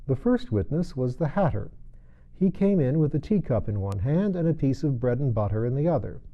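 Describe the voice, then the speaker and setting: A man narrates a storybook with a very lively, varied delivery. His pitch is middling and moves freely. The recording is slightly dull and lo-fi. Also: fairly quick. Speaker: audiobook reader.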